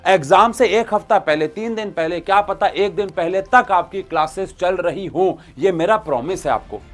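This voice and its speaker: A young man teaching and pitching a crash course to students in an animated, coaxing way. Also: moderate pace, soft background music. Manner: animated, addresses students as bhaiya and babu. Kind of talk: energetic coaching pitch to students.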